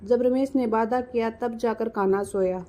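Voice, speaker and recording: A young adult woman narrating a family story in a gentle, measured storybook manner. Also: a little high, fairly even intonation, rough recording.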